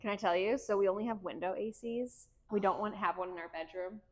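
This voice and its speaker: A woman's voice: medium pitch, fast talker. A woman in her thirties co-hosting a podcast, chatting in a laid-back way with frequent fillers. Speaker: podcast co-host. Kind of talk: casual chat.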